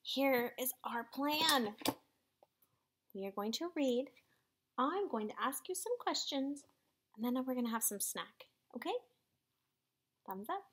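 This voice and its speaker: Animated high-voiced woman reading to kids. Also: slow pace, long pauses. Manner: animated, sing-song, drops to whispers. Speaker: teacher. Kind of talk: children's story time read-aloud.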